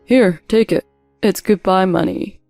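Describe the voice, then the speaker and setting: A woman voicing a charming but manipulative young man in a narrated story, speaking in a calm, smooth-talking way. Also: mid-range voice, unhurried, dry recording, faint music behind, natural voice. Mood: mocking. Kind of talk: story narration with voiced quotes.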